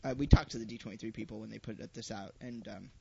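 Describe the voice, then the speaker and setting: Husky-voiced man co-hosting a podcast. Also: on the low side, steady tone, dark tone. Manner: wry, quick with jokes. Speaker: podcast co-host. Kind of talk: casual chat. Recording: dull lo-fi podcast audio.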